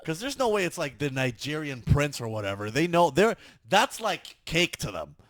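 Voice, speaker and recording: A man riffing on a casual podcast, joking and wandering off topic. His pitch swings up and down animatedly. The recording is dry, with no room sound. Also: big pitch swings, fairly bright tone, no echo. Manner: joking, rambling, quick to laugh. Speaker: podcast co-host.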